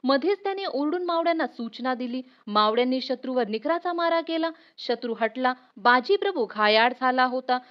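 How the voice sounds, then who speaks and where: A woman's voice: high voice, lively intonation, normal speed, hardly any pauses. A woman teacher reading a history lesson aloud for students, telling it expressively and speaking to viewers directly. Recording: muffled lo-fi recording.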